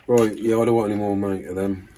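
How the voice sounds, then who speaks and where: A man's voice: on the low side, flat delivery, fast, warm tone. A middle-aged British man chatting casually and bluntly, swearing and grumbling as he eats jelly beans. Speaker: taste challenge participant. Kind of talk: casual banter while tasting sweets. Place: indoor room, seated at a small table. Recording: clear background noise with clicks.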